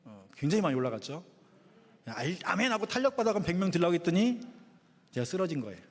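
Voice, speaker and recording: A man's voice: high-pitched, big pitch swings, fast talker, breathy edge. A middle-aged man preaching a sermon in a chatty, self-deprecating way with touches of humor. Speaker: guest pastor. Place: church sanctuary. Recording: long church reverb.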